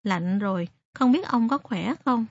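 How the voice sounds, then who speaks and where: A woman's voice: on the high side, lively intonation, measured pace, dry recording. A woman reading as a lonely runaway boy. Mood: wistful. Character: runaway country boy, lonely and tender-hearted. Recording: dry, slightly muffled recording.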